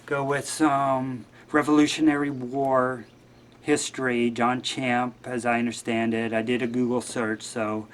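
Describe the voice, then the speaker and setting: A man's voice: medium pitch, little pitch movement, a little slow. A man guest-hosting a show, talking in a rambling, wry and offhand way. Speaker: guest host. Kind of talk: casual monologue.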